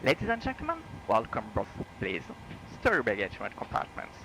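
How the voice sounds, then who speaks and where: A man making a formal cabin announcement to passengers, in a measured delivery. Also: mid-range voice, wildly swooping pitch, noisy background. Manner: formal, measured announcement delivery, switching between French and English. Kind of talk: cabin announcement over the plane's public address.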